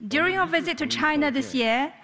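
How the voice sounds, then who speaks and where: A woman working as a live interpreter, giving a formal, measured rendering of a leader's speech as it happens. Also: high voice, fairly bright tone.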